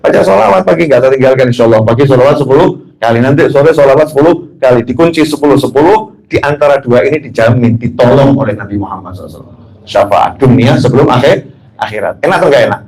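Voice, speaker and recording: Indonesian preacher telling anecdotes. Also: male voice, medium pitch, lively intonation, fast, a little mellow, poor audio. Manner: anecdotal and joking, asks the audience questions. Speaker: habib preacher. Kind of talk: religious talk.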